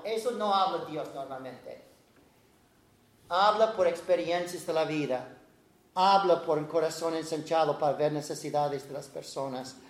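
High-voiced animated male preacher. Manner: animated, swings from loud to soft, acts out quotes. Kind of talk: sermon. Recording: echoey room.

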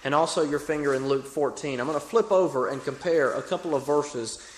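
Young Alabama-accented preacher in an echoey hall. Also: male voice, on the high side, a little fast. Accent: Alabama Southern American. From Alabama, United States. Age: young adult. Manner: earnest, folksy, repeats phrases for emphasis. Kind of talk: sermon. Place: reverberant room, preaching to a congregation. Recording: echoey hall with long reverb.

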